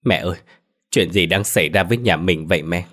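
A man's voice: sits low, fairly quick, a bit bright. A man voicing a frightened young mother who pleads through tears in a horror story. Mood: frightened pleading. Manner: desperate, sobbing pleas.

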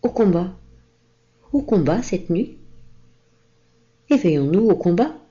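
A woman's voice: fairly low pitch, big pitch swings, takes it slowly, mellow, muffled recording, voice pushed up. A woman reading a storybook, voicing a chorus of tiny toys chanting themselves awake for battle. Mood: eager.

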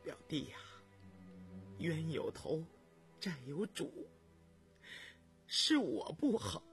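A man voicing a grieving middle-aged woman who pleads softly in a choked, tearful voice, pitched well above his own. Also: huge pitch swings, slow, soft background music, exaggerated voice.

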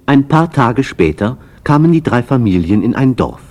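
A man narrating a children's storybook in a lively, expressive way, over background music. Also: medium pitch, moderate pace. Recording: music playing behind the voice.

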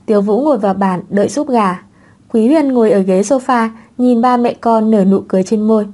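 Một người phụ nữ đọc truyện audiobook bằng giọng đều đều, không vội vàng. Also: female voice, on the high side, brisk, mellow. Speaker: narrator. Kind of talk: audiobook narration of a web novel.

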